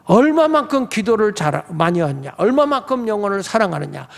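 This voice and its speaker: A man's voice: high-pitched, sing-song, brisk, gravelly. A male pastor preaching a sermon in a conversational way, putting questions to the congregation in a church sanctuary. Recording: long church reverb.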